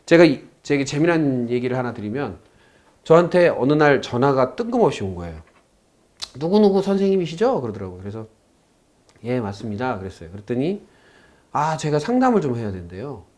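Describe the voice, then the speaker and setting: A man's voice: mid-range voice, big pitch swings, a little fast, a little mellow. A man lecturing a class on saju fortune-telling. He tells a story by acting out both sides of a phone call and puts questions to his students.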